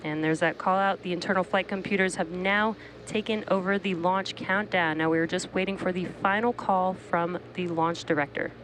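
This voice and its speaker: A woman's voice: fairly low pitch, fairly even intonation, moderate pace, hardly any pauses, fairly bright tone, slight background noise, low-quality recording. A woman hosting live launch commentary, presenting and explaining each step. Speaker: launch webcast host.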